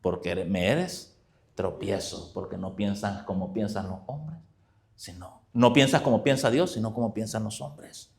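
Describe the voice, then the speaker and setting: A man voicing a calm, solemn teacher who speaks in a grave, hushed way. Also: fairly low pitch, a little slow, vocal fry, pitched below the performer's own voice. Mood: stern hush. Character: calm, solemn male teacher rebuking a follower.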